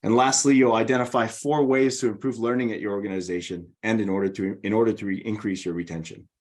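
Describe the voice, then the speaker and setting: Speaking fast in a lowish, darkish voice with fairly even intonation, a middle-aged man with a Hawaiian accent runs a webinar on a video call. He comes across as friendly and organized, moving through the slides.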